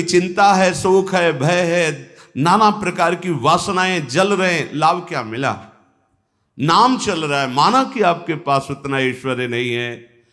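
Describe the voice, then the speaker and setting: A man giving a devotional discourse as a spiritual teacher, moving from calm teaching to emphatic exhortation. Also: mid-range voice. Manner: slow, rising to emphatic exhortation.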